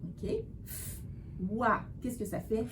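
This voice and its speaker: A woman's voice: fairly high pitch, big pitch swings, background noise. Patient woman tutoring a child. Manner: patient, encouraging, sounds out words slowly. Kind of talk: one-on-one spelling lesson.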